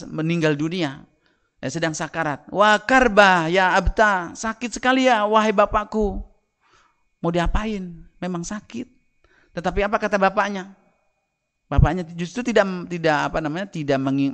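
A middle-aged male preacher tells stories from the pulpit. His voice sits a little high for a man, and he keeps the congregation engaged by firing rhetorical questions at them. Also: gravelly. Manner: storytelling with rhetorical questions and acted quotes. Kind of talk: sermon.

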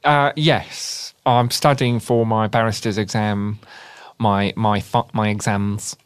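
A man's voice: lowish voice, slow pace, smooth. A man improvising a boastful eighteen-year-old British amateur barrister with a British accent, in a cheeky comedy podcast bit. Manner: cheeky, boastful, lively delivery.

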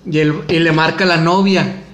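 Joking, high-voiced Mexican man. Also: fairly even intonation, normal speed, fairly bright tone, roomy sound. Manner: joking, crude slang, interjects often. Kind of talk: casual chat.

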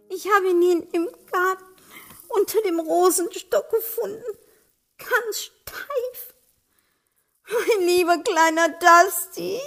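A woman reading an audiobook, voicing a young woman who is crying in grief, her voice high and tearful. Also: creaky, a bit bright, full character voice. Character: sobbing young woman grieving her dog.

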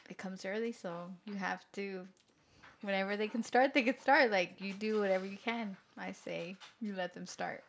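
A woman's voice: mid-range voice, moderate pace, vocal fry, fairly bright tone. Opinionated woman in casual chat. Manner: firm opinions, rambling.

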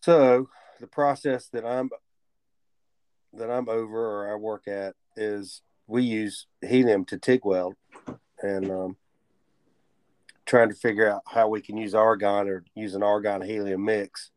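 A man co-hosting a podcast in casual chat, easygoing and quick to laugh, rambling through his thoughts. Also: on the low side, fairly even intonation, clear, resonant tone, no room sound. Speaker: podcast co-host.

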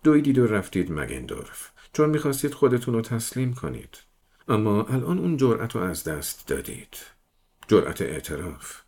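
A man voicing a shrewd police detective who persuades a suspect in a smooth, patient manner. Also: fairly low pitch, very animated, darkish tone, voice pushed up. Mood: persuasive. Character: shrewd coaxing middle-aged male police detective.

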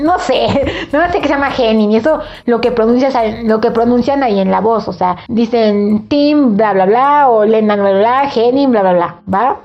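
Chatty woman podcaster, higher voice. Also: a little mellow, lo-fi sound. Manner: chatty and rambling, with many fillers. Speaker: podcast host. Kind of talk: casual monologue.

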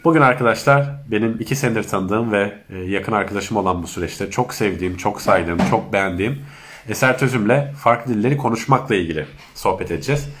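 A man's voice: fairly low pitch, quick pace, a bit bright, slight background noise. Stuffy-nosed man hosting a casual live chat. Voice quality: congested, stuffy nose. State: stuffy, runny nose from allergy. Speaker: host of an online live chat.

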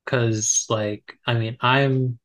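A podcast guest in his twenties talks in a casual conversation with a medium-pitched, fairly bright voice and a steady tone. He speaks extremely slowly and hesitantly, full of fillers and restarts.

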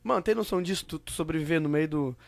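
High-pitched Rio man talking emphatic street slang. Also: quick pace, creaky, no echo. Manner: emphatic, repeats himself insistently. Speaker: podcast co-host. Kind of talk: casual group banter.

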